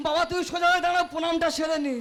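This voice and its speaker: Man doing a cocky cussing son-in-law, high quick voice, noisy live stage mic. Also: flat delivery. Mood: mocking. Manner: fast crude banter, cursing. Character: crude young son-in-law, cocky and cursing. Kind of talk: folk stage comedy acting.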